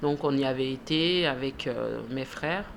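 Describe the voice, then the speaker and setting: A woman's voice: a bass voice, moderate pace, creaky, slight background noise. Hesitant woman in her thirties. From Ivory Coast. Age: 30s. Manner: hesitant, laughs often, many fillers. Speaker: grocery shop manager. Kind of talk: radio interview.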